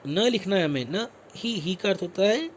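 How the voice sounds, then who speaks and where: A man's voice: sits high, animated, normal speed, slight background noise. A male teacher giving a lesson, spelling words out sound by sound and asking and answering his own questions. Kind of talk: classroom lesson explanation.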